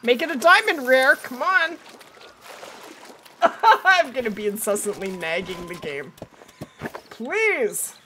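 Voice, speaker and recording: A woman's voice: fairly high pitch, big pitch swings, takes it slowly, long pauses, bright, forceful tone, slight background noise. A woman in her thirties livestreaming a game in casual, chatty talk, her voice strained by a cold. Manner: chatty, talking to viewers and to the game. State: has a cold, losing her voice. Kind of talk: casual livestream gameplay chat. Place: indoors at a streaming setup.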